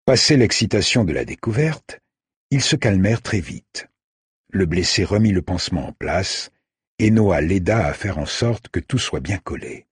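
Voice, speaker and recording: A man's voice: sits low, normal speed, husky, no room sound, studio quality. A man narrating a novel, voicing each character in turn. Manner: expressive, acts out each character. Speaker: audiobook narrator. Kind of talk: scripted narration.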